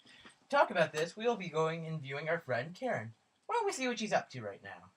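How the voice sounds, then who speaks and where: Woman doing a low, goofy puppet-show presenter. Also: huge pitch swings, a little fast, a little hiss or hum. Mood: mock solemn. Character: mock-solemn children's sock puppet show presenter. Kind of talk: goofy mock-educational scripted narration.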